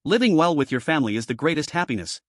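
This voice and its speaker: An aloof young cultivator who speaks with calm, cold command, as a male narrator reads him. The voice sits a little high and sounds close and dry, with no room around it. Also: rapid-fire, no echo.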